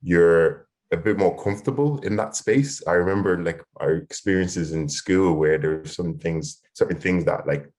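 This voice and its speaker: A man's voice: low voice, moderate pace, hardly any pauses, a little mellow. A young man, a panelist talking casually and hesitantly with lots of "like" on a video call. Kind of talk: casual conversation.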